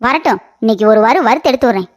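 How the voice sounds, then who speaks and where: A woman voicing a sharp-tongued, combative middle-aged mother of the bride in a comic cartoon. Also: a little high, animated, racing, voice pushed down. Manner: combative, mocking.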